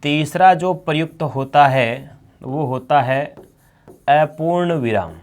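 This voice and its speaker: A man teaching an exam-prep class, dictating phrases slowly while writing on a board and repeating them, then answering his own questions. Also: on the high side.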